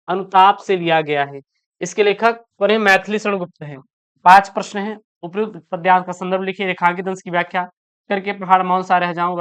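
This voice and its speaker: Brisk woman teacher walking through an exam paper. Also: lowish voice, clear, resonant tone. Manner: addresses students as "beta", quick and explanatory; repeats questions aloud, then answers them. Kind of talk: online exam-prep lesson.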